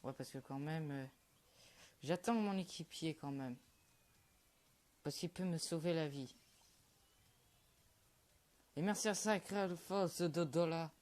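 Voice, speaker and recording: This Quebec-born gaming YouTuber is young, with a medium, darkish voice, and he takes his time, pausing often. Talking over his match, he mumbles and drifts through half-finished ideas and frequent fillers, chatting casually to his audience about the gameplay.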